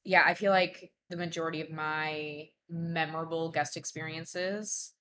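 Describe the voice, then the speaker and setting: A young woman hosts a casual chat, her voice sitting low but bright and forward. She talks loosely, full of fillers, and laughs easily. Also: fairly even intonation, measured pace, a little hiss or hum. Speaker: podcast host and bartender.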